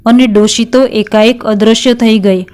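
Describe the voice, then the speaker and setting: A woman narrating a devotional folk tale in a steady, even storytelling manner. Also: fairly high pitch, unhurried.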